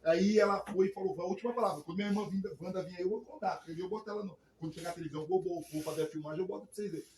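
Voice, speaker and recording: A man preaching as pastor, telling a testimony in an animated way, acting out quoted voices and calling for "amém". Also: high voice, racing, few pauses, echoey room, low-quality recording. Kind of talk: testimony sermon to a congregation. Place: church service.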